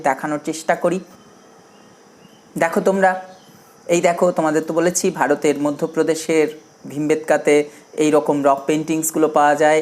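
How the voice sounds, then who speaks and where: A woman's voice: low-pitched, darkish tone. A woman teaching an English lesson to young children, spelling out words letter by letter. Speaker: primary school teacher.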